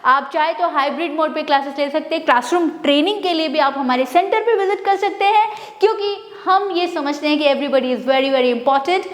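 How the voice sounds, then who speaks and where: Indian woman tutor, bilingual explainer with fillers, high pitch, roomy sound. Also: fairly quick, few pauses. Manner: switches between Hindi and English, explains patiently with many fillers. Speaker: English teacher. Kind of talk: vlog-style pronunciation lesson. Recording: echoey room with long reverb.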